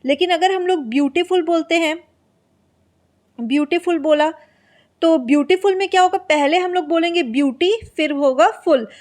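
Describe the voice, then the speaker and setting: High-voiced woman teaching in Hindi. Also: darkish tone. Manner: explains in Hindi, reads English notes slowly; asks and answers her own questions. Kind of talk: exam-prep lecture.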